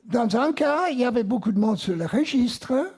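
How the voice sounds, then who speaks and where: A man's voice: very high voice, animated, moderate pace, darkish tone, slightly rough. A man with an American accent preaching a sermon, repeating key words for emphasis. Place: church.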